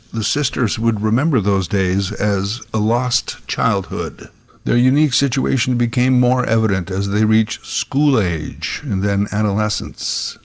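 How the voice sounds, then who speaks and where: A man's voice: fairly low pitch, creaky, a little mellow, no room sound. A man giving scripted documentary narration in a conversational way, recorded on a close microphone.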